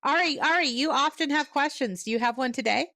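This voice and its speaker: A woman's voice: sits high, fairly quick, pushed and bright, no echo, clean studio sound. A woman hosting a livestream in a chatty way, laughing often, heard through a headset mic. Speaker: livestream host. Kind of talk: casual livestream chat.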